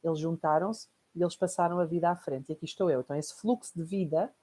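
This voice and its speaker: A woman's voice: lowish voice, fast talker, mellow. A woman with a European Portuguese accent teaching a recorded online lesson in a reflective, explanatory way, often checking in with tag questions. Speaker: course teacher.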